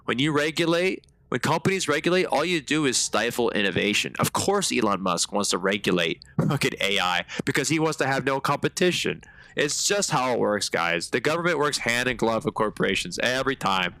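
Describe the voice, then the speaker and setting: A man streaming a game live, chatting with viewers in slangy, animated storytelling. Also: medium pitch, a little fast, dry recording. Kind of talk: live gameplay commentary.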